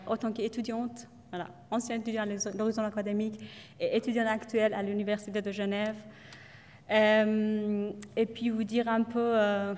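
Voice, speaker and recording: A student from Iran gives a testimonial talk to an audience in a hall. Her voice is fairly high and slightly mellow, and she sounds hesitant, with many fillers and restarts.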